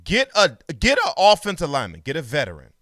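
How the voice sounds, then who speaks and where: A man's voice: fairly high pitch, wildly swooping pitch, quick pace, fairly bright tone, no echo, clean studio sound. A man co-hosting a sports podcast in casual chat, rattling off lists of players and making emphatic points. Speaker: podcast co-host.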